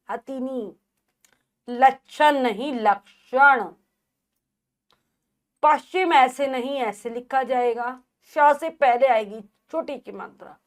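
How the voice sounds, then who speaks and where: A woman teaches grammar to young pupils in an unhurried voice. She sits a little high in pitch and repeats key words slowly, stressing the correct form, in a patient classroom manner. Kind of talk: grammar lesson for children.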